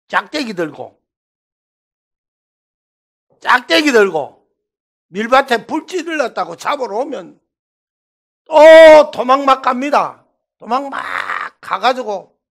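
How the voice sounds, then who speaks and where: Middle-aged male preacher, Gyeongsang accent, high voice, animated revival-sermon storyteller. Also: creaky. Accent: Gyeongsang Korean. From Daegu, South Korea. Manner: animated storytelling, swinging between loud bursts and hushed asides. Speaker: pastor.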